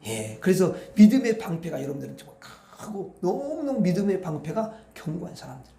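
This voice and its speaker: Male pastor, sermon, questions to the congregation, swooping lively delivery. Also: high-pitched, fairly quick, reverberant. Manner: preaching, asks the congregation questions. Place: church hall.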